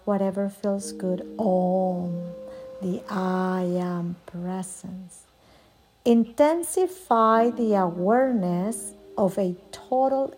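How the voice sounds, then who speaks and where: Very slow, soothing woman guiding meditation. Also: mid-range voice, slight background noise, rough recording. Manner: soft, soothing, unhurried guiding with long pauses. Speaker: yoga nidra instructor. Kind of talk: guided relaxation meditation.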